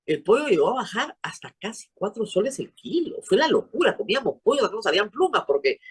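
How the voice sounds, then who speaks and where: Peruvian woman TV host, emphatic and exclamatory, husky voice that swings widely in pitch. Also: very animated. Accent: Peruvian Spanish. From Peru. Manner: emphatic, exclamatory, quick asides. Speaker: show host. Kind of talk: animated TV interview chat.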